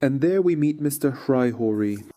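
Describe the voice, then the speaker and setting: A man's voice: medium pitch, animated, moderate pace, mellow, no echo. A man narrating a scripted frontline report as a war correspondent.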